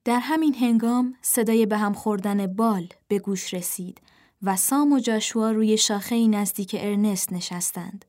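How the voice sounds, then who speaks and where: A woman reading a fable aloud in calm, measured scripted narration. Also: medium pitch. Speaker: storyteller.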